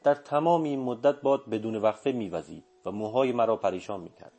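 A man reading a first-person story aloud in a steady, measured narration. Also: medium pitch. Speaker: audiobook narrator. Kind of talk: scripted literary narration. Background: faint music.

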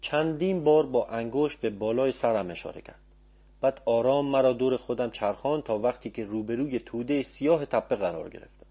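This audiobook narrator is a man with a warm, mellow tone and a touch of huskiness. He speaks at an ordinary middle pitch, keeping his storytelling calm and measured.

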